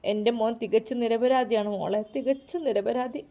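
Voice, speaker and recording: A woman's voice: moderate pace, lightly acted. A woman voicing an elderly, grieving mother who pleads through tears. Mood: tearful pleading. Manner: sobbing, softer and lower than the narration. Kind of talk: storytelling with acted dialogue.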